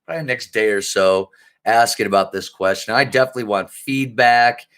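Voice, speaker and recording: A man co-hosting a casual wrestling talk show, giving strong opinions, giggling, and dropping his voice low when he muses. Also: a little fast, fairly bright tone. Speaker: podcast co-host.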